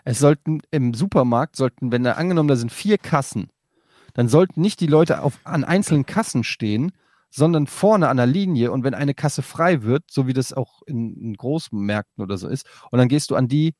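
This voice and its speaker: A man's voice: mid-range voice, expressive, moderate pace, darkish tone, no echo, studio quality. A man in a casual chat, arguing his point firmly and pressing with questions. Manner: indignant, argumentative, pressing questions.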